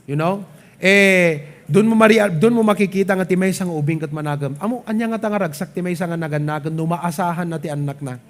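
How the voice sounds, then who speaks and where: High-voiced Filipino pastor preaching animatedly. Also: male voice, brisk. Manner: animated, asks the crowd "di ba?" often; mixes English and local speech, light laughs. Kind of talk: sermon. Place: church service.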